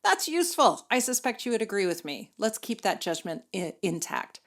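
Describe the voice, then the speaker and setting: A woman's voice: medium pitch, very animated, normal speed. A middle-aged woman hosting a podcast, telling a personal story in a conversational way, with lots of "like" and "you know". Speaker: podcast host.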